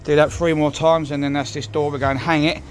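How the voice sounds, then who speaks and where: A man's voice: fairly high pitch, flat delivery, brisk, heavy background noise. A man, talking through a joinery job step by step in a casual how-to, recorded on a handheld phone indoors. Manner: plain-spoken, talks while working, swears now and then. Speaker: joiner showing a build. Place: indoors on a job site with stairs.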